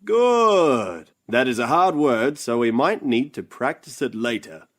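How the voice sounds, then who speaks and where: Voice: mid-range voice, expressive, unhurried. An actor playing a cheerful know-it-all professor who teaches young children in a broad, singsong children's-theatre manner, sounding words out. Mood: playful teaching. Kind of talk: children's story podcast acting.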